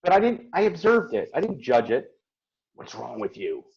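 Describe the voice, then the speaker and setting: On a casual motivational call, a host and coach speaks with a slightly high, creaky, breathy voice at normal speed, his pitch swinging hugely. The audio is dull. He's earnest and reflective, voicing his own inner thoughts aloud.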